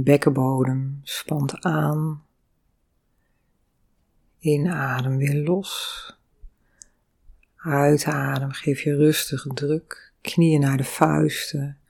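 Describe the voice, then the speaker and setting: Calm low-voiced woman guiding breathing. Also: creaky. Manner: calm, slow guiding with sung vowel sounds. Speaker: movement and breathing instructor. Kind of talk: guided breathing and body exercise.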